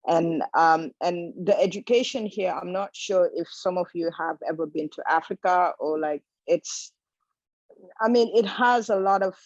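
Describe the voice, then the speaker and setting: Low-voiced woman lecturing from Senegal. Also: dry recording. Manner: relaxed, conversational, frequent "like" and "you know". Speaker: guest lecturer. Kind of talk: informal lecture. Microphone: video call. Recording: dull lo-fi video call audio.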